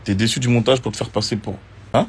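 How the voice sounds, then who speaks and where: A reality TV contestant, a man, chatting casually on social media and answering viewer questions in a relaxed, slangy way. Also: mid-range voice, fast, a little hiss or hum. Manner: relaxed and slangy, with many fillers.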